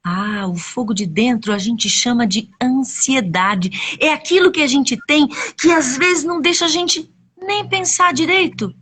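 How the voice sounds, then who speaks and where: A woman voicing a calm, wise young forest girl who speaks soothingly and slowly. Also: sits high, breathy edge, heavily acted. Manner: soothing, slow and coaxing.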